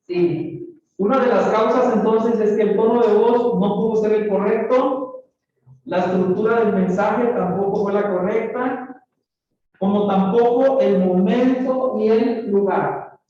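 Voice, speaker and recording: A man's voice: high voice, fairly even intonation, unhurried, warm tone. A man teaches a church oral communication class, calling his students brothers and often checking in with "¿verdad?". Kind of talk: classroom lesson with church preaching tone. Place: large echoey room. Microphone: camera far from the speaker. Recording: distant, very echoey, dull camera audio with faint noise.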